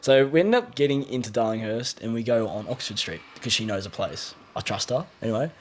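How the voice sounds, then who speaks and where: A man's voice: medium pitch, animated, fairly quick, slight background noise. A young man, a podcast co-host, telling a story in casual chat and laughing often.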